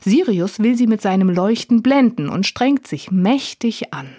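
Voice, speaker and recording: A woman reading a scripted radio book review in a wry, clear manner. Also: mid-range voice, animated, measured pace, dark tone, no room sound, clean studio sound.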